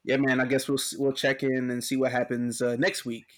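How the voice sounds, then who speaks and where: A man in casual group chat, telling stories with animated, acted-out quotes. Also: medium pitch, fairly quick. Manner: animated storyteller, acts out quotes.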